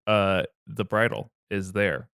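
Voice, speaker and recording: Slow and creaky, this fairly low male voice is a little bright and clean, recorded at studio quality without echo. He's a comedy podcast host and storyteller, rambling through a myth with jokes and plenty of fillers.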